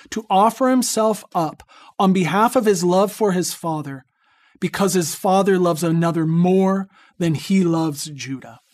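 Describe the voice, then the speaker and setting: A man giving a reflective lecture on scripture in a measured, earnest way, pausing for emphasis. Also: a little high, darkish tone.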